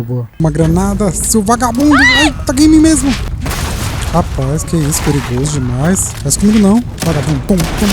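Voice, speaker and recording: A man giving excitable gameplay commentary, cursing at enemies as he plays. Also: a little high. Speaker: gaming streamer. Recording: voice over loud game music.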